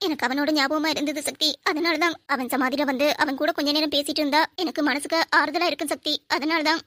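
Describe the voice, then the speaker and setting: A woman's voice: sits high, steady tone, fast talker, sharp tone, no room sound, studio quality. A woman playing a tearful young widowed mother. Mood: grieving. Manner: tearful, pleading. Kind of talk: audio drama acting.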